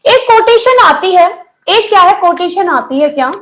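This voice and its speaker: High-pitched woman teaching an exam-prep class. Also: animated, moderate pace, a bit bright, rough recording. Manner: repeats key phrases, quizzes students with questions.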